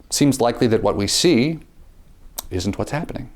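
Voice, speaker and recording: A man's voice: lively intonation, darkish tone. Theatrical man reviewing a film. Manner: theatrical, with dramatic pitch swings and slowed emphasis; repeats words at the start of phrases.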